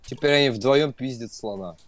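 A man's voice: mid-range voice, normal speed. A man chatting casually with friends while playing a video game, swearing constantly. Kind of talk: casual gaming chat with friends. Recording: noticeable background noise.

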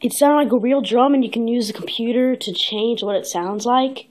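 Woman vlogger, fairly high voice, chatty and loose, lots of ums. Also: moderate pace, darkish tone. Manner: rambling, upbeat, lots of fillers. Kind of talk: casual vlog chat.

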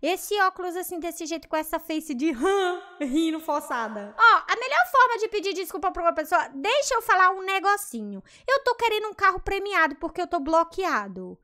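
Speaking at an extremely high pitch, this Brazilian Portuguese-accented woman narrates her Roblox session excitedly and casually. She keeps a normal speed with hardly any pauses, gasps a lot, and reads other players' chat out loud.

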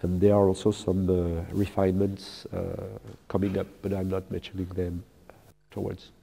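A man giving a technical keynote talk at a conference, speaking haltingly with many fillers and restarts. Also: low-pitched, completely flat delivery, creaky, mellow, breathy edge. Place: large lecture hall with audience. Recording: echoey large hall.

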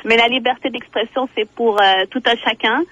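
A woman calling in to a radio show by phone, speaking haltingly with frequent fillers. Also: a little high, fairly even intonation, a bit bright, dry recording. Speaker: caller. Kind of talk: phone-in call. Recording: tinny phone line.

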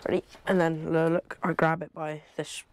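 A young man from England talks his way through a practical task in a cluttered wooden shed. His voice sits a little high and his chat is loose and rambling. A clip-on lapel mic picks him up with a light hiss behind. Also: little pitch movement, moderate pace. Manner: chatty, rambling, talks while working with hands. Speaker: fishing vlogger. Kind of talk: casual vlog commentary.

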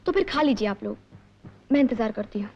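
An actress playing a confident young woman visitor in a film, brisk and politely insistent. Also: on the high side, animated, creaky, a little hiss or hum. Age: young adult. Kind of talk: Hindi film dialogue. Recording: dull vintage film soundtrack.

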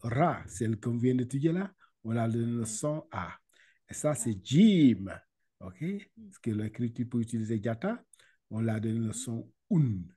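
A man's voice: mid-range voice, animated, normal speed, warm tone, husky. A man teaching how to read the Quran over a video call. He talks casually, laughs often, repeats syllables and slips into English. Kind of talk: casual online lesson.

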